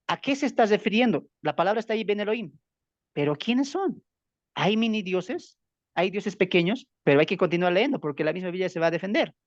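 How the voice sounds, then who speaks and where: A man's voice: sits high, dry recording, highs cut off. Emphatic Bolivian man teaching Bible study. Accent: Bolivian Spanish. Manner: emphatic, keeps asking rhetorical questions and answering them.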